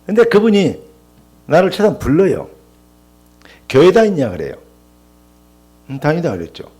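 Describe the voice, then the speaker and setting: An older pastor delivers a sermon in church, slipping into stories from his school days and voicing the people in them. His voice sits slightly high and swings widely in pitch as he talks. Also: husky. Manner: animated storytelling with quoted dialogue.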